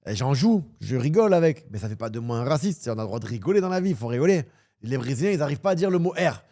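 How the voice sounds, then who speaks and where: A man talking casually as a streamer, rambling, joking and swearing crudely as he gets animated. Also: medium pitch, very fast. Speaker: streamer and football pundit. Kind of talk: casual livestream chat.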